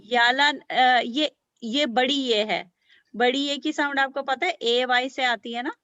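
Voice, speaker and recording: A woman's voice: sits high, fairly even intonation, takes it slowly, fairly bright tone, dry recording, dull audio. A woman teaching beginner language to children, patiently sounding out letters and praising often. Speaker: Urdu teacher.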